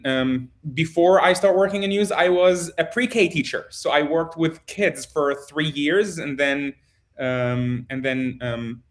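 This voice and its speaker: A man in his thirties who grew up in Egypt, a guest on an online interview, talking in a halting way with many ums and restarts. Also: medium pitch, fairly bright tone. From born in Jordan, grew up in Egypt. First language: Arabic. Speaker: guest, photojournalist. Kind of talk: casual interview over video call.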